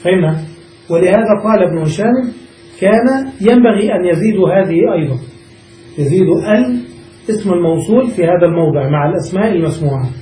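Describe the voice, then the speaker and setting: A man with a high voice and a mellow, soft tone teaches grammar to a class. He goes over each point more than once and keeps asking whether his students follow. He is heard from a distance in a roomy space with faint noise behind him. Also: animated, fast talker. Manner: checks understanding with the class, repeats and restates points. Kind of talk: classroom lesson explaining a grammar text.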